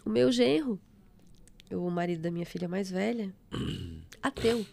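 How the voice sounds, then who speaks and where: A middle-aged woman, giving a fervent, expressive testimony of faith as a guest. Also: medium pitch, unhurried, creaky.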